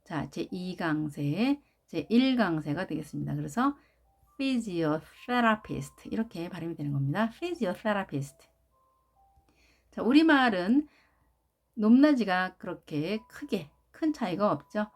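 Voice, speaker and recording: A woman with a lowish voice teaches English vocabulary in an unhurried way. She speaks very slowly and starts her phrases with a soft "자". She repeats each English word with careful attention to its stress. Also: animated. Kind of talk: slow, careful lesson narration.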